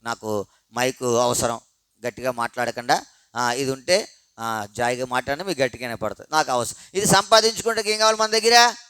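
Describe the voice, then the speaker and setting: A man preaching at a church prayer meeting, asking rhetorical questions and answering them himself, swinging between loud emphatic phrases and quiet low asides. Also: fairly quick, pauses often, clean tone, no room sound. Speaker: pastor. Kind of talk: sermon. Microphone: handheld microphone.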